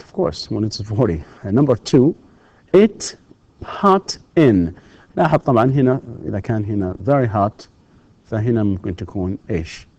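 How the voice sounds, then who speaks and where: A man gives a distance-learning English lecture in a low, dark, gravelly voice. He drills each example sentence slowly and moves between English and Arabic. The recording sounds dull and lo-fi. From Saudi Arabia. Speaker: English teacher.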